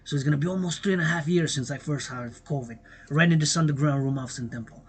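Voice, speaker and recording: A Québécois vlogger from Quebec rambles through a livestream in French and English, repeating himself and breaking into song. His voice sits on the high side, is slightly rough, and moves fairly quickly.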